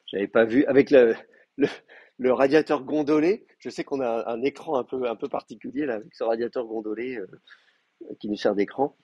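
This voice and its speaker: A man teaching in a classroom, walking students through grammar in a hesitant, thinking-aloud way. His voice is husky at a middling pitch. The recording is dull and dry, with little room sound. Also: dry recording. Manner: hesitant, many fillers and restarts while explaining. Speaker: Hebrew teacher. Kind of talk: classroom lecture.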